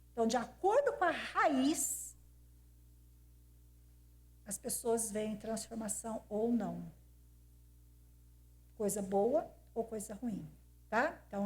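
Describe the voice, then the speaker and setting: An older woman from Brazil gives a talk at a women's church conference. Her voice sits a little high. She talks to the room conversationally and keeps checking in with rhetorical questions. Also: darkish tone. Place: church hall.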